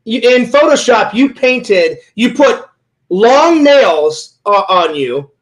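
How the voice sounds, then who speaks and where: A high-pitched man talks fast and eagerly as host, rambling through a story and quoting himself again and again. The chat is loose and informal. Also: low-quality recording. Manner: excitable, rambling storyteller retelling his own words. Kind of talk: casual chat.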